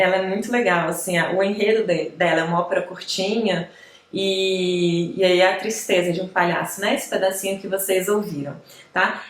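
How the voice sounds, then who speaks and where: Chatty woman teaching music, echoey room. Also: mid-range voice. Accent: Brazilian Portuguese. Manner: chatty, explanatory, frequent tag questions. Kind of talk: online music lesson.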